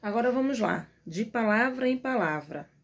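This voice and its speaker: A woman's voice: a little high, lively intonation, normal speed, vocal fry. Patient Brazilian woman teacher. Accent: Brazilian Portuguese. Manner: patient, explanatory, frequent checking "tá?". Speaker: primary school teacher. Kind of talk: remote classroom lesson.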